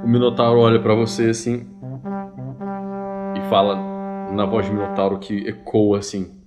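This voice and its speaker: A man in his thirties with a Brazilian accent, casually narrating a tabletop game as game master in an animated, colloquial way. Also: fairly low pitch, normal speed. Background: background music.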